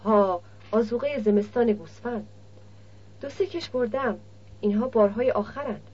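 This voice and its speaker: A woman's voice: fairly high pitch, expressive, breathy edge. A woman reading the lines of a shrewd, teasing village middleman in an audiobook. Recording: dull lo-fi recording.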